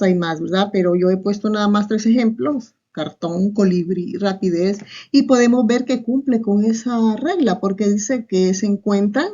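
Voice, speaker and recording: A woman's voice: mid-range voice, a little mellow. A woman teacher with a Salvadoran Spanish accent, giving a recorded online class and explaining step by step, often tagging on a questioning aside. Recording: muffled lo-fi recording.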